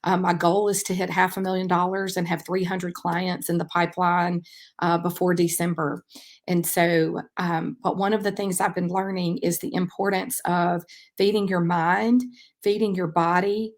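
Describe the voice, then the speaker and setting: Soft-spoken woman podcast host, even tone. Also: on the low side, moderate pace. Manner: relaxed, reflective, many ums. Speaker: podcast host and track coach. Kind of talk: casual faith-based podcast monologue.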